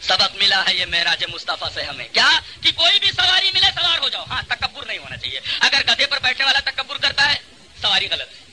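A man's voice: very high-pitched, bright, forceful tone, a little hiss or hum, rough recording. A male Islamic preacher giving a religious lecture, arguing his point with rhetorical questions and mocking an opposing cleric. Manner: argumentative, full of rhetorical questions.

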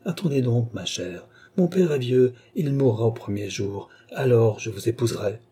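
A man's voice: medium pitch, animated, normal speed, dark tone, slightly rough. A man voicing a cold, mocking young nobleman in an audiobook, speaking in a cool, offhand way.

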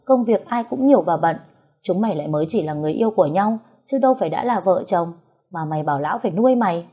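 Woman as blunt best friend in a storybook, scolding, warm timbre. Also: on the low side, animated, fast, breathy edge. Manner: scolding, lecturing.

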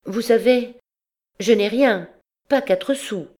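A woman reading an audiobook, voicing a lively, teasing young working woman who speaks eagerly and playfully. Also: fairly high pitch, slow pace, pitched above the performer's own voice. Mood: eager, excited.

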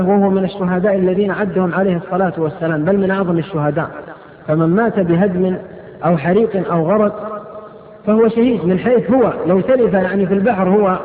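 At a religious Q&A lecture, a preacher with a high voice reads out every question, then rattles off brisk, decisive rulings in reply. The sound comes through tinny phone-band audio and rings with the lengthy echo of a big hall.

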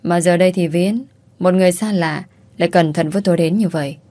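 A woman narrating a first-person story in an expressive, exasperated way. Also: lowish voice, quick pace, no room sound.

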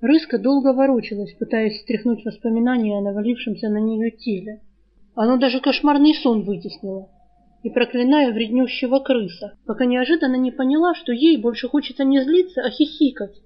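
A woman narrating an audiobook in a lively, expressive storytelling manner. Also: a little high, fairly quick, dull audio.

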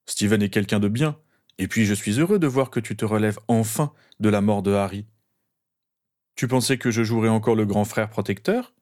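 A man voicing an easygoing young man, a protective older brother who talks in a relaxed, teasing way in an audiobook reading. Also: fairly low pitch, normal speed, lightly acted.

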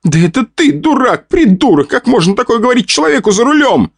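Brief: man playing a hot-tempered young woman in a storybook, high-pitched, lively, scolding. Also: normal speed, dry recording, studio quality. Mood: scolding, flustered. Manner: flustered, scolding outbursts. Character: feisty young woman, bickering fiancée.

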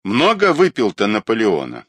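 A man's voice: fairly low pitch, huge pitch swings, normal speed, fairly bright tone, no room sound, exaggerated voice. A man voicing a stern, suspicious older retired colonel who scolds a younger man.

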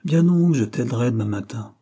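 A man voicing a gentle, self-sacrificing young peasant in an audiobook, speaking earnestly and pleading. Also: medium pitch, expressive, brisk, husky. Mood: reassuring.

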